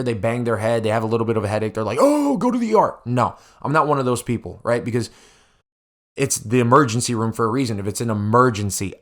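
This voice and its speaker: A young adult man speaks as a podcast host in a medium-pitched voice. He recounts things in a casual, exaggerated way and swears often, as if talking to friends. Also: fairly bright tone. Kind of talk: casual storytelling to listeners.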